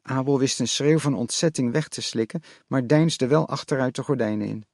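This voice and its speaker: A male audiobook narrator with a measured, even storytelling delivery. His voice sits in a middle register with a gravelly grain. The recording is dry and close, with no room sound. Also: mid-range voice, dry recording.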